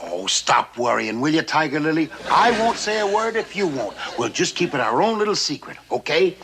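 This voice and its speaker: An actor playing a breezy, commanding American navy skipper in a sitcom, scheming and easygoing, with slangy speech. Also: male voice, a little high, sing-song, normal speed, gravelly, background noise. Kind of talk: 1960s TV sitcom acting.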